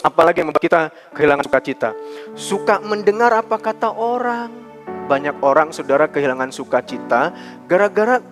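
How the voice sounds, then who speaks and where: High-pitched pastor guy preaching, gets the crowd to answer back, soft music under it. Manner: lively preaching with call-and-response and quoted voices. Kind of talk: sermon. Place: church service.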